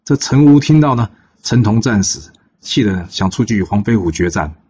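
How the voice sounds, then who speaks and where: A man telling a classic tale in a casual, chatty way, with frequent filler pauses, on a dull lo-fi recording. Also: lowish voice, expressive, a little mellow, breathy edge. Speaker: storyteller. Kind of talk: casual oral storytelling.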